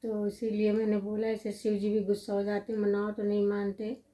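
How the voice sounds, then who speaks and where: A middle-aged woman casually telling a personal family story, in a gentle, reminiscing way with repetitive lists. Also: medium pitch, monotone, normal speed, rough recording. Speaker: vlogger recalling her family life.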